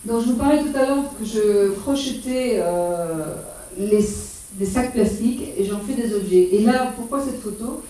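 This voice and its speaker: Speaking far from the mic in a very echoey room, a middle-aged woman presents a casual slideshow on her solo walking pilgrimage, hesitating with many fillers and restarts. Her voice is a little high and dark in tone, at a moderate pace.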